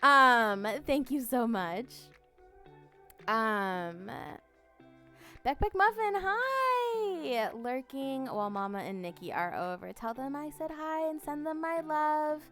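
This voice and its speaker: Woman live-streamer, unhurried chatty delivery full of "um"s, bursts of bubbly greetings, faint music underneath. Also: sits high, sing-song, pushed and bright. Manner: rambling, many fillers and restarts, reads chat aloud. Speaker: streamer reading chat. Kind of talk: casual live-stream chat.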